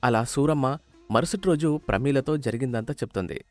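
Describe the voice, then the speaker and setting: A man narrating an animated family story and voicing the young sons with a dramatic, tearful manner. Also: mid-range voice, brisk, soft background music. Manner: voices several young men, dramatic and tearful.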